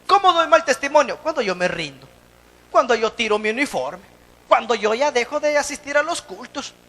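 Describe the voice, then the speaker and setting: A pastor preaching to his congregation with a high, bright voice. He swings between loud declarations and hushed asides, acting out little scenes. His pitch leaps all over as he calls out to the brethren. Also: expressive, moderate pace, low-quality recording. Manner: addresses congregation as "hermano". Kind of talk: evangelical sermon.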